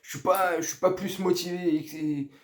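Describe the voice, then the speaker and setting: There's a little hiss or hum behind this high-sitting male voice, which keeps fairly even intonation at a moderate pace. A middle-aged football fan, he debriefs viewers casually after the match, slangy and rambling, hesitant and short on enthusiasm.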